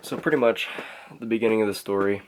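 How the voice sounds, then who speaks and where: A man's voice: lowish voice, fast talker, a little hiss or hum. A man telling a story in a casual vlog, rambling with lots of filler words. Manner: rambling, many "um" and "pretty much". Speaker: hunting vlogger.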